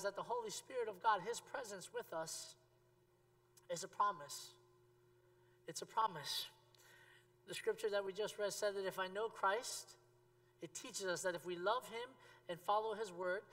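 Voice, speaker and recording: A man in his thirties preaching a sermon on a church stage, talking straight to the congregation and swinging from emphatic peaks to quiet asides. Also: sits high. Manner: conversational, addresses the congregation directly. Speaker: pastor. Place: church stage with a seated audience. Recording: long reverb of a church hall.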